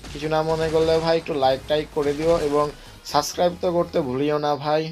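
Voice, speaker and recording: A young man, a little hoarse, giving rambling, joking commentary on his own gameplay and teasing his opponents. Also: fairly high pitch, fairly even intonation, fast, a little mellow, faint music behind. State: voice slightly hoarse. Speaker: gaming channel host.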